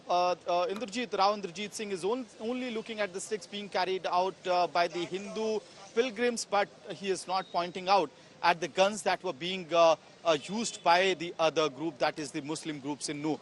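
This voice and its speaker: A man with an Indian accent giving a live on-location news report as a field reporter, emphatic, wordy and halting in delivery. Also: high voice. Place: outdoors in a town, near a temple. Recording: street noise, outdoor traffic ambience.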